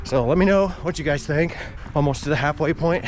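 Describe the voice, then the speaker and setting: A man's voice: on the high side, fairly quick, a little mellow, soft background music. A man chatting casually to viewers as a vlogger, talking while out running outdoors on an action camera. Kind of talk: casual vlog chat. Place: outdoors on roads by fields. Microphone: action camera carried while running.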